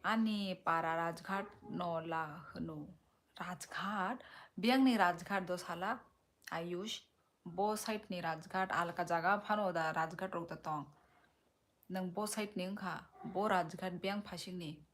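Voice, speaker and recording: Woman live streaming, reads comments and teases back, talks real slow. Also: fairly low pitch. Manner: unhurried, teasing, reads comments aloud and answers. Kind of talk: casual live-stream chat.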